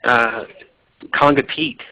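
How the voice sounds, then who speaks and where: A man's voice: medium pitch, steady tone, takes it slowly, vocal fry, bright, forceful tone. A man hosting a community conference call, talking loosely and upbeat with many fillers and restarts. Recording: slightly dull line with faint noise.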